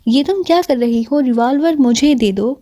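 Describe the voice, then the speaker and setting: A woman voicing a boastful, hot-tempered male street thug who talks in a gruff, threatening way in an audiobook. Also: high-pitched, dark tone, close to an everyday voice.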